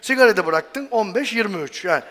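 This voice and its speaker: A man's voice: high-pitched, lively intonation, fairly quick, noisy background. A man giving a stage talk in a chatty, joking way, often putting questions to the audience. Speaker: medical professor giving a talk. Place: large hall on stage. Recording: reverberant hall.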